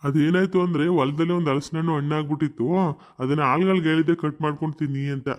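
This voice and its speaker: A doting old village landlord, voiced by a man in a cartoon comedy. He talks fast in a raised voice, fond and teasing toward his family. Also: on the high side, steady tone, lightly acted.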